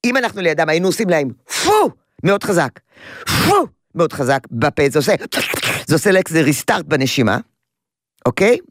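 Close to the mic in a radio studio with no room sound, an older woman speaks in a low voice. She is a child therapist hosting call-in radio advice, explaining things vividly and often slipping into the voices of the kids she talks about.

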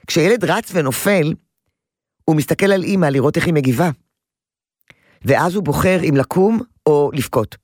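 A woman's voice: sits low, animated, pauses often, a little mellow, no room sound, clean studio sound. A woman counseling a mother on parenting, talking emphatically and often repeating her key phrases. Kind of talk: parenting advice session.

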